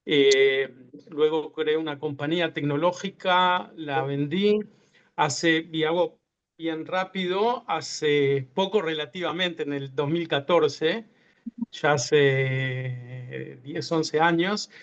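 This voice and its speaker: A man with a slightly high voice talks about his work in an online interview. He hesitates often, filling gaps and restarting words. The sound is muffled and lo-fi, like a video call. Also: takes it slowly, smooth. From Uruguay. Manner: hesitant, many fillers and restarts. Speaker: tech entrepreneur guest.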